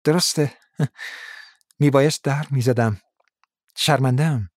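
A man voicing a suave, polite, menacing middle-aged gangster who speaks softly and draws his words out. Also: mid-range voice, dry recording, clean studio sound, close to an everyday voice. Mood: quietly menacing.

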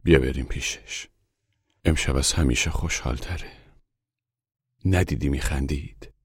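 A man's voice: extremely low pitch, slightly rough, no room sound, clean studio sound, heavily acted. A man voicing a grieving father who speaks tenderly to his son, his voice choked.

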